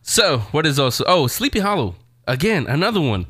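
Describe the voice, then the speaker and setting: Hosting a casual show that reviews TV, a man rambles in a chatty way aimed right at his audience. His voice is on the high side, sing-song and brisk, a bit bright, recorded in studio quality without echo.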